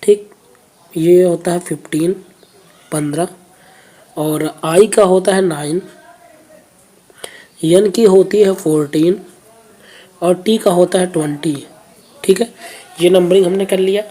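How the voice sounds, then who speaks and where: A woman's voice: on the low side, slow pace, long pauses, mellow. A woman teaching reasoning, patiently explaining exam questions step by step and checking in with her viewers.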